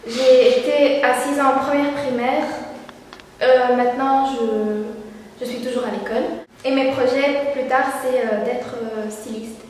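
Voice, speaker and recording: A teenage girl from Morocco introducing herself in a casual group video, hesitant and pausing. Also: high voice, fairly even intonation, darkish tone, a little hiss or hum. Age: teens. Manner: hesitant, with filler words. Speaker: student. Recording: echoey hall from far off.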